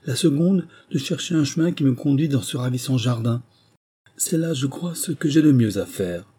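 A man's voice: medium pitch, animated, normal speed, mellow, breathy edge, voice pushed up. A man voicing a curious, bold little girl in a storybook reading.

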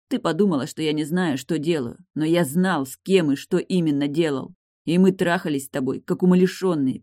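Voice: medium pitch, a little mellow, dry recording, clean studio sound, natural voice. A narrator voicing a blunt, teasing man. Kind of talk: audiobook character voice.

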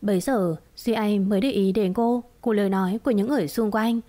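A woman reading a romance drama story aloud in a steady, dramatic storytelling manner. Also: mid-range voice, brisk. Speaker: narrator. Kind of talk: scripted story narration.

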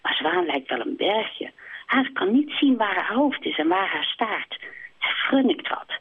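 Woman author, phone guest; animated, halting, very thin phone sound. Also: fairly high pitch, husky. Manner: hesitant, many restarts, expressive. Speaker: children's book author. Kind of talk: phone interview and reading aloud. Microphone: telephone. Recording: tinny phone line.

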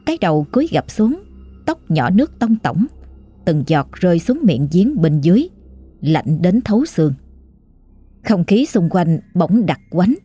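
A woman storyteller reading a horror story aloud in a slow, suspenseful way. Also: lowish voice, sing-song, mellow, slightly rough, soft background music. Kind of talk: scripted horror story narration.

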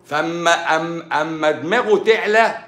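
A man's voice: a little high, moderate pace, a bit bright, roomy sound. A man with an Egyptian Arabic accent, a doctor answering viewers on a live stream in a sarcastic, scolding, rhetorical way.

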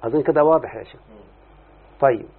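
A man's voice: medium pitch, quick pace. A man teaching a grammar lesson, often stopping to question and address his listener. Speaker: teacher of Arabic morphology. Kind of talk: classroom lesson explaining a text. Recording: muffled phone-like lo-fi sound.

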